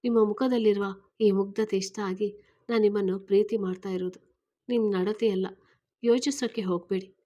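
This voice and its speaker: A woman voicing an earnest man in his thirties who gently and eagerly asks a woman to marry him, in a read-aloud story. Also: mid-range voice, fairly even intonation, normal speed, natural voice.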